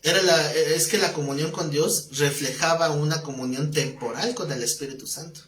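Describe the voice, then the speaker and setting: A man, a pastor teaching a live Bible class, telling stories in a lively way and asking the class questions. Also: a little high, moderate pace. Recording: echoey room, faint background noise.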